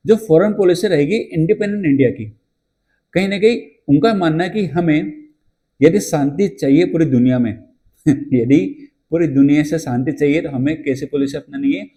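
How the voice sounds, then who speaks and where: With a warm voice pitched a little high, the teacher chats his way through exam preparation like a storyteller. He puts questions to the class, supplies the answers himself, and reads out English textbook lines slowly.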